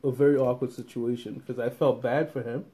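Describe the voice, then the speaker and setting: A young adult man co-hosting a podcast, chatting casually in a relaxed way with filler words. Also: medium pitch, brisk. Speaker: podcast co-host. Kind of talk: casual chat.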